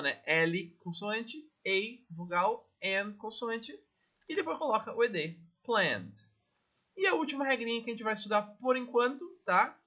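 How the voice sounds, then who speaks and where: High, lively Brazilian teacher. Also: male voice, highs cut off. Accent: Brazilian Portuguese. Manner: explains step by step, checks in with "tá?" and "né?" constantly. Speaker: English teacher. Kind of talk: recorded grammar lesson.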